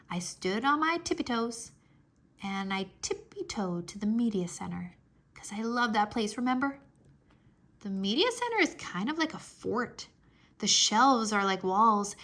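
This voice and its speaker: With a voice on the high side, a woman reads a children's book aloud as its narrator. Her delivery is expressive and lively, taking on a childlike first-person storytelling style.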